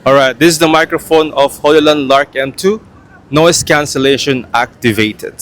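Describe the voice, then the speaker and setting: A man's voice: fairly high pitch, normal speed, a bit bright. A man casually testing a small wireless clip-on mic in a conference room and a park, his voice processed by noise cancellation with audible noise reduction artifacts, chatting and asking viewers what they think. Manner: chatty, asks viewers for their opinion. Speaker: product reviewer testing microphones. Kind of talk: casual mic test talk. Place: indoor conference room, then outdoors in a park by traffic.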